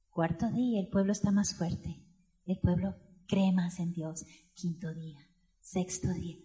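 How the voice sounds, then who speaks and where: Delivering a church sermon, a woman tells a story and asks the congregation questions, swinging from hushed moments to loud ones. Her voice is on the low side.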